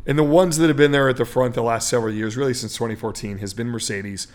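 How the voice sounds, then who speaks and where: A man's voice: medium pitch, fairly even intonation, quick pace. Chatty male sports podcast host. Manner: explains at length with many fillers. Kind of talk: casual sports chat.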